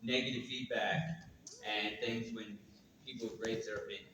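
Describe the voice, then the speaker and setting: Man questioner, polite and hesitant; bright tone, distant in a reverberant hall. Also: fairly low pitch, fairly even intonation, normal speed. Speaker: audience questioner. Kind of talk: asking a question at a panel. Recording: echoey hall, far from mic.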